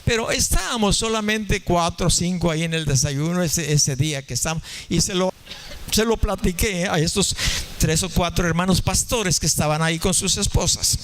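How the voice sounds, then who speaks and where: A pastor with a high-pitched, fairly bright voice preaches a sermon, telling a funny story and joking conversationally with the congregation. A little hiss or hum sits under the recording.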